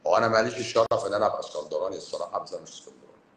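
A man with a Cairene Egyptian accent, a doctor hosting a live stream, talking casually to viewers. He is animated, scolding and joking with them. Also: low voice, rapid-fire. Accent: Cairene Egyptian Arabic. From Egypt, Cairo. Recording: roomy echo, faint background noise.

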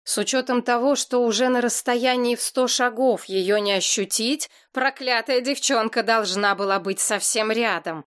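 A woman narrating a fantasy novel in a steady, lively storytelling voice. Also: on the high side, moderate pace, few pauses. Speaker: audiobook narrator.

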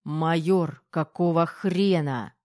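Barking gruff colonel, read by a woman. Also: deep voice, normal speed, a little mellow, dry recording, clean studio sound, lightly acted. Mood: angry barking. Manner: barking, threatening. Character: gruff middle-aged male army colonel, overprotective father. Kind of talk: audiobook character voice.

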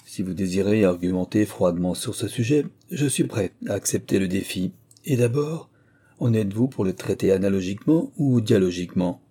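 A man's voice: lowish voice, animated, moderate pace, mellow, husky. A man voicing a boastful, mocking country squire in an audiobook, with showy, pseudo-learned bluster. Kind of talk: audiobook character reading.

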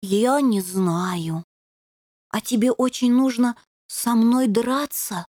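A woman voicing a young male plasticine imp, a meek pacifist, talking hesitantly and slowly. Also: high-pitched, darkish tone, dry recording, studio quality. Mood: timid.

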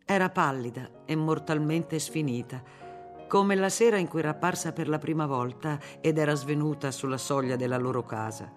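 A reader giving a measured, even narration of a literary novel for an audiobook. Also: mid-range voice, soft background music.

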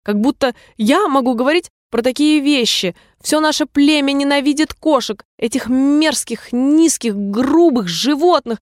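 Storybook: woman doing a tiny squeaky mouse, shrill and indignant, pitched high. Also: measured pace, few pauses, no room sound, studio quality. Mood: outraged. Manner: huffy, outraged. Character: small indignant trembling female mouse.

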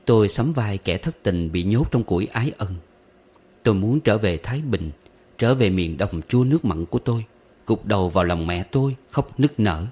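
A man with a fairly low voice reads a short story aloud in an audiobook style. His telling is wistful and gently humorous, and he slips into verse recitation now and then. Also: lively intonation, normal speed. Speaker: narrator.

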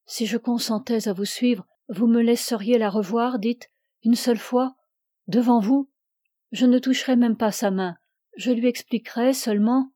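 A man's voice: very high voice, steady tone, moderate pace, warm tone, no room sound, studio quality. A woman reading the part of an exhausted young man, tearful and pleading over a lost love. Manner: pleading, anguished.

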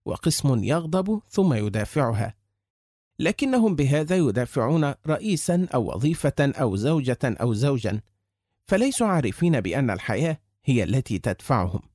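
A man voicing a shrewd, wealthy older businessman who speaks calmly and lectures in a measured way, in an audiobook. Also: medium pitch, no echo, clean studio sound. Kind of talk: audiobook character reading.

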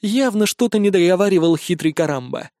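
A male narrator reading a children's fantasy audiobook aloud, with an even storytelling delivery. His voice sits a little high for a man, recorded close and dry with no room sound. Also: a little fast, dry recording.

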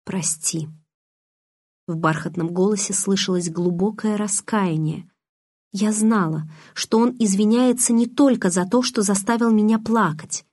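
Husky-voiced woman reading a novel aloud. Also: medium pitch, normal speed, a little mellow, dry recording, studio quality. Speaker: audiobook narrator. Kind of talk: first-person novel reading.

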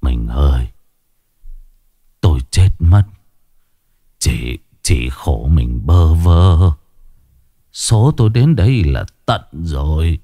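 A man voicing a dying, starving peasant husband who speaks in a weak, rasping voice. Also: rumbling low, animated, takes it slowly, long pauses, warm tone, dry recording, studio quality, pitched below the performer's own voice, heavily acted. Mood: feeble despairing. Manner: weak rasping whisper-like speech.

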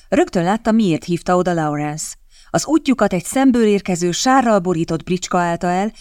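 A woman narrating a novel as an audiobook, in a measured, expressive reading. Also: fairly low pitch, no room sound, studio quality.

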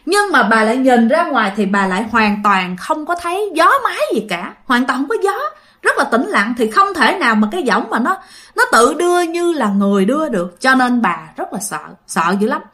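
A woman narrates ghost stories in a relaxed, chatty tone. She keeps turning to her listeners as she talks. Her voice sits a little high. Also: a little fast. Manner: chatty, addresses listeners directly. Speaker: storyteller.

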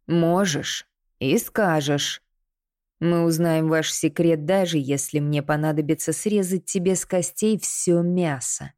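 A woman's voice: low voice, a little slow, darkish tone. A woman doing a growling brutal man. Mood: threatening. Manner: growling, threatening. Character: brutal male torturer, adult man, menacing.

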